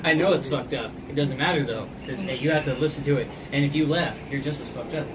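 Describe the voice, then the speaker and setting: A woman casually reading jokes as host of a laughing challenge, blunt and sweary. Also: fast talker. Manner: profane, blunt. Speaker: joke reader hosting a laughing challenge. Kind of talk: casual joke telling. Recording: noisy, distant microphone, rumbling background.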